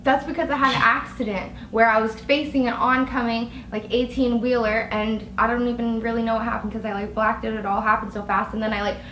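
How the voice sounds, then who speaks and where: A woman's voice: fairly high pitch, little pitch movement, brisk, hardly any pauses, a bit bright. A young woman co-hosting a couple's video, chatting casually and giggling, with lots of "like". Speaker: co-host of a couple's channel. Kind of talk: casual chat. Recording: echoey room with noise.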